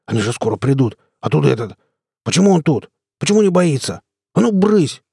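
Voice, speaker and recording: A curt, cold-hearted stalker who snaps his words out, as a man reads him in an audiobook. The voice is dark and husky, and the recording is dry and close. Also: fairly low pitch, expressive, moderate pace, dry recording. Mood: agitated.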